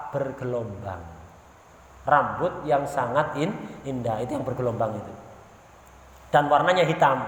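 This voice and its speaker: Man, religious teacher, conversational sermon, fairly high voice, echoey room. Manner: conversational, asks and answers his own questions. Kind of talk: sermon-style lesson. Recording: echoey hall with long reverb.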